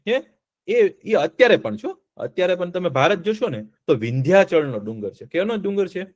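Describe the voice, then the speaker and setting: A man's voice: sits high, darkish tone. A man telling a story to children as a teacher, asking them questions and repeating the answers playfully. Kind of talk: interactive storytelling lesson for children.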